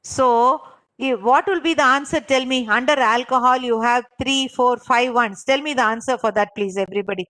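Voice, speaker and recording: A fairly high, fairly bright female voice moves at a moderate pace over a rough recording. As trainer of a clinical interviewing course, she guides an online class step by step, repeating herself. She regularly quizzes the learners and checks their understanding.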